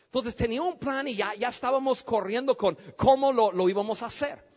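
A Mexican man with a Mexican accent, a missionary preacher telling a story in an animated sermon that breaks into shouts. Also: very high voice, a little fast. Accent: Mexican Spanish. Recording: dull lo-fi recording.

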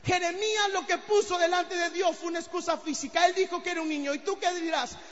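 A fervent preacher shouts his sermon in a strikingly high voice, rallying the congregation to answer back. His voice rings through a large hall with a long reverb, and the recording sounds dull and muffled. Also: fairly even intonation, fast talker.

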